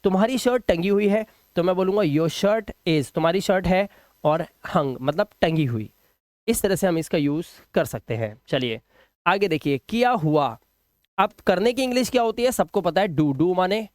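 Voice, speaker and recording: High-voiced man teaching English. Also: lively intonation, darkish tone, no echo, studio quality. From India. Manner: explains slowly, repeats each word and asks "ठीक है?". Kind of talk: spoken English lesson in Hindi.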